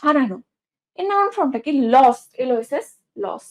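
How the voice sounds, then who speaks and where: A woman's voice: sits high, animated, normal speed. A young woman teaching an online English class, asking questions and answering them herself as she drills word forms.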